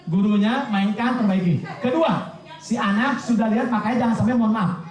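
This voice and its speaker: Man lecturing parents in an echoey hall. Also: sits high. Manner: animated, addresses audience with quick questions. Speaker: parenting speaker. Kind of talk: seminar talk to parents. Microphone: distant from the mic. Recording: echoey hall, distant mic.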